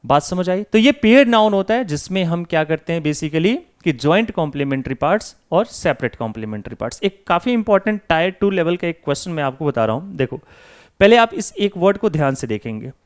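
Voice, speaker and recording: A man's voice: on the high side, very animated, fast, smooth. A man teaching English grammar in Hindi, asking and answering his own questions as if voicing his students. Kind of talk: classroom lesson.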